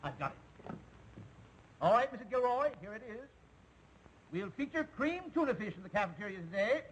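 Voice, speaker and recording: A man's voice: sits high, big pitch swings, fairly quick, low-quality recording. A man playing a jovial, easily distracted school principal in a 1950s TV sitcom, talking in a hearty, chummy way. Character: jovial, scatterbrained middle-aged male principal. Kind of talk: 1950s live TV sitcom acting. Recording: faintly hissy old television recording.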